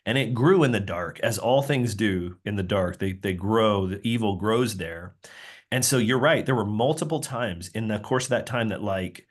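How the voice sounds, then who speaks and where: Low-voiced pastor, earnest confession. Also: male voice, moderate pace. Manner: earnest and confessional, many restarts. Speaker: pastor, interview guest. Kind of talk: candid personal testimony.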